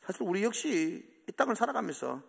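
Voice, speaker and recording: A man's voice: high-pitched, a little fast, vocal fry, husky, long reverb tail. A man preaching a sermon as pastor, animatedly acting out the words of the people in the story. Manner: animated, acting out quoted taunts and pleas. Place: church sanctuary.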